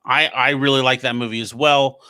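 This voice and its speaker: Bright-voiced young man, easygoing. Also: medium pitch, steady tone, a little fast, smooth, dry recording, studio quality. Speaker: podcast co-host. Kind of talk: casual movie review chat.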